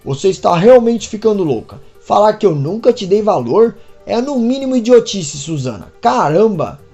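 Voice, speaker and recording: A woman's voice: mid-range voice, big pitch swings, normal speed, warm tone, highs cut off, soft background music. A woman voicing an angry, jealous husband who scolds his wife in exasperation. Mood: exasperated.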